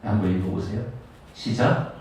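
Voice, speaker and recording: A male pastor preaching a sermon with emphatic, dramatic swings between loud and hushed delivery. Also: low-pitched, moderate pace, creaky. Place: church sanctuary. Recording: echoey church hall, mic at a distance.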